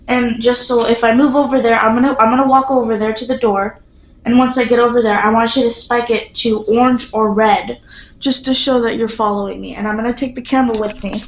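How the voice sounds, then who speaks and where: A woman with a fairly high voice records a spontaneous paranormal vlog. She sounds excitable and repeats her requests in different words. The room rings around her, with some noise behind. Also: fairly quick. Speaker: paranormal investigation vlogger. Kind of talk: spontaneous vlog narration while addressing a spirit with questions. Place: echoey room inside a castle. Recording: roomy echo, some background noise.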